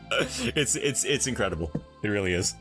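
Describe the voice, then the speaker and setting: An excitable young man chats casually on his stream, stumbling and restarting as he talks and breaking into laughter often. His voice sits in a middle register, and faint game music plays softly behind him. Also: mid-range voice, measured pace. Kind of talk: casual stream chat while gaming.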